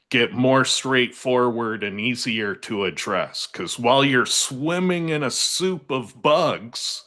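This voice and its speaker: A man talking in a casual online panel discussion, unhurried and full of restarts. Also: mid-range voice, sharp tone. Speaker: SEO panelist.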